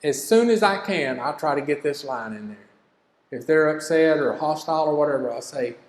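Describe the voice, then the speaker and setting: An older man with a drawl gives a folksy teaching talk as a business teacher, homespun, storytelling, earnest and plain-spoken. His voice sits a bit high for a man, and he is animated and a little fast. A reverberant hall leaves a long echo trailing each phrase.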